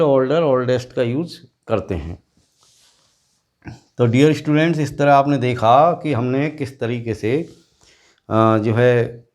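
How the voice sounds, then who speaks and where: Slow, patient grammar teacher. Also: male voice, medium pitch, a little mellow. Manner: slow, repetitive explaining with drawn-out word lists. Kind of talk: classroom grammar lesson.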